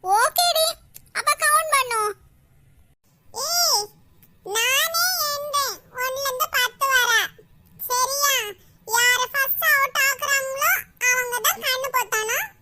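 A woman voicing squabbling little kids in a cartoon, bossy and shrill as they shout out the count. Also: slow pace, exaggerated voice. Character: squabbling little village kids playing hide-and-seek. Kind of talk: cartoon voice acting.

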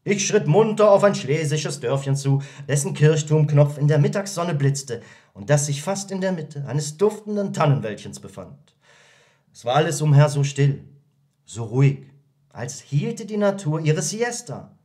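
A man narrating a satirical story in an audiobook, telling it in a lively, expressive way. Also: fairly high pitch, unhurried. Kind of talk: scripted narration.

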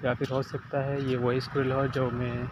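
Young man vlogging outdoors over loud noise. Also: mid-range voice, completely flat delivery, normal speed. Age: young adult. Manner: chatty, addresses viewers as friends. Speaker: village vlogger. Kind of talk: casual vlog narration. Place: outdoors in a village yard. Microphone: phone camera held while walking. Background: chickens and birds outdoors.

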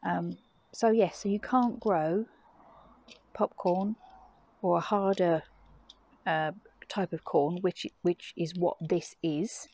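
A middle-aged woman casually narrating a gardening vlog, explaining things in a chatty, low-key way while filming on a phone. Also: steady tone, slow, a little mellow. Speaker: gardening vlogger and parent. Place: garden outdoors and at home.

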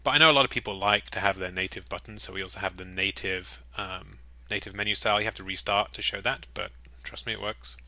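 A man with a lowish voice talks through a software demo in a relaxed, jokey way, as if recording his screen at his desk. His tone is very bright and forward. The sound is close and dry, with faint mouse clicks under his voice. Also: quick pace, hardly any pauses, dry recording. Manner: upbeat, chatty, jokey asides. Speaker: software walkthrough presenter.

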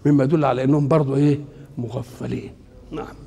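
An older man with an Egyptian Arabic accent, explaining scripture while seated, asking questions and answering them himself in a lively colloquial way. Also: medium pitch, fast talker, creaky. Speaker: Islamic scholar. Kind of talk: Quran exegesis lesson. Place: seated indoors.

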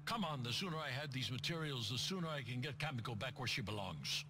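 An actor voicing a calm mystical sage in a video game, speaking in a measured, formal way. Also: male voice, medium pitch, close to an everyday voice. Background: game music.

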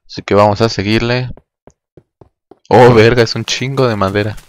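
A man's voice: on the low side, fairly even intonation, fast talker, no room sound. A man with a Mexican accent giving casual, profane gameplay commentary, rambling to his viewers and mouthing rhythmic noises as he works. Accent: Mexican Spanish. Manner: hums and mouths rhythmic noises while working. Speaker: gaming channel host.

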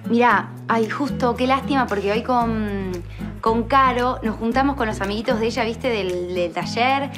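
A woman's voice: on the high side, normal speed, close to an everyday voice. An actress with a Rioplatense Argentine accent playing a flustered, curt young woman in a TV comedy-drama, music behind her. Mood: breezy, evasive.

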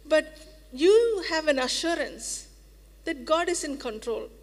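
A woman's voice: sits high, animated, takes it slowly. A woman preacher giving a sermon in an earnest, reassuring way, repeating phrases for emphasis. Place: church hall. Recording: reverberant church hall.

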